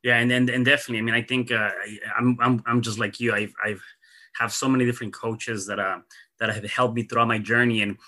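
A man hosting a podcast, talking in a halting way with many repeated words and fillers. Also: mid-range voice, level tone, pushed and bright. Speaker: podcast host. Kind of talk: casual podcast conversation.

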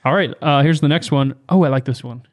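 A man's voice: medium pitch, fairly quick. A man co-hosting a podcast in casual, comedic chat, laid-back and joking, with hesitant fillers. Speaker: podcast co-host.

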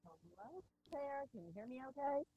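A woman guest chatting on a video call, her audio muffled and bass-heavy with the highs cut, talking from prepared notes. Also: very animated, normal speed, breathy edge, dry recording. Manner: talks from prepared notes, with small restarts. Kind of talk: casual chat on a video call. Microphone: video call through a mixer.

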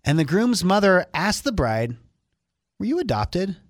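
A woman's voice: fairly low pitch, big pitch swings, unhurried, dry recording, studio quality. A woman co-hosting a casual chat, asking playful, teasing questions.

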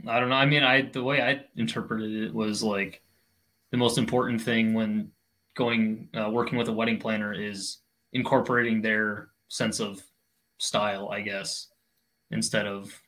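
A man's voice: fairly low pitch, little pitch movement, normal speed, a bit bright, poor audio. A man in his early twenties, a podcast guest, talking hesitantly and hedging with "like" and "I guess.". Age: 20s. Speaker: podcast guest, finance intern. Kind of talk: casual podcast chat.

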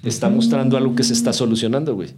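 A man with a Mexican accent in casual chat, telling stories in a slangy, animated way and acting out quoted dialogue. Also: medium pitch, racing. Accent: Mexican Spanish.

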